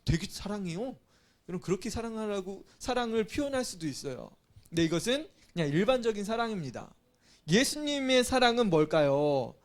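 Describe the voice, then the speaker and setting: A man's voice: high-pitched, very animated, a little fast. A male pastor giving a children's sermon, calling out questions to the children and repeating their answers back to them. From Korea.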